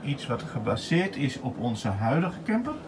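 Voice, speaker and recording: A man's voice: mid-range voice, very animated, moderate pace. A middle-aged man chatting casually as he films a vlog in a large exhibition hall, exclaiming in amazement at what he sees. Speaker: vlogger. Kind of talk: casual vlog at a trade fair. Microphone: phone at arm's length. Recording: noisy hall background.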